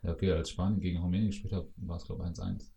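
A young man chatting casually as podcast co-host, playfully acting out quotes in a high falsetto. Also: flat delivery, quick pace, vocal fry, a loud crowd. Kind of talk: casual chat. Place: his room in a shared flat.

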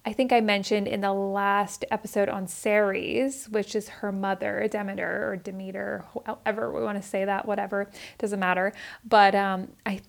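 A woman's voice: mid-range voice, little pitch movement, moderate pace, vocal fry. A woman hosting a spiritual podcast, talking in an earnest, rambling way and correcting herself as she goes. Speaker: podcast host. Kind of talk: casual spiritual podcast talk.

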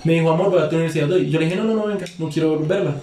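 A man's voice: a little high, mellow. Young man, slangy profane storyteller, echoey room. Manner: fast, slangy and profane, acting out both sides of a quarrel. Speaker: podcast guest. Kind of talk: casual storytelling among friends.

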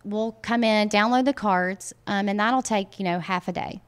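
A Southern American woman near forty talks casually in an interview, easygoing and full of "you know" and "um". Her voice is smooth and clear, pitched in the middle for a woman. She explains her work as a wedding photographer. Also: normal speed. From Mississippi. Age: late 30s. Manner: chatty, many fillers and "you know".

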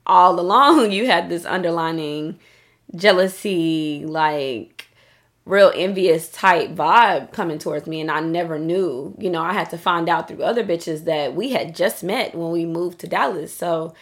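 A woman's voice: fairly low pitch, measured pace. A woman co-hosting a podcast, telling a personal story in a candid, emphatic way, cursing often and saying "like" a lot. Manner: emphatic, profane storytelling with frequent "like". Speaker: podcast co-host. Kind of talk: candid casual podcast chat. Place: Dallas.

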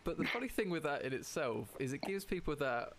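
Man, quick talker, hesitant casual questions, faint room noise. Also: on the high side, animated, fairly bright tone. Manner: quick, hesitant, many fillers. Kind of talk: casual conversation.

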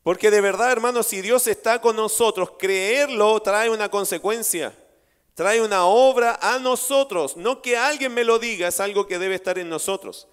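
A man's voice: high voice, normal speed, smooth. A male pastor preaching a sermon in a church, asking his congregation rhetorical questions and calling them brothers. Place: church sanctuary. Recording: reverberant church hall.

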